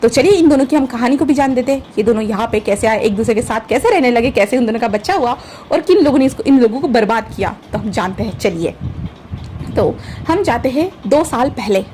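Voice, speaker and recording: Fast-talking chatty woman storyteller. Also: a little high, expressive, darkish tone, a little hiss or hum. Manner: chatty, addresses listeners as "bhai". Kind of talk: casual fan fiction narration.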